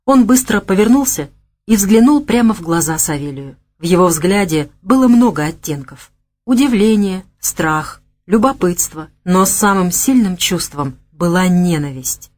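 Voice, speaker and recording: A woman narrating an audiobook in a measured, expressive reading. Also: on the low side. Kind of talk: scripted narration.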